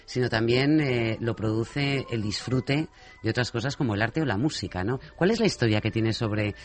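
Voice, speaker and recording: A man's voice: medium pitch, normal speed, soft background music. A man hosting a radio interview, chatting and prompting his guests with questions. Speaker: radio host. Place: radio studio.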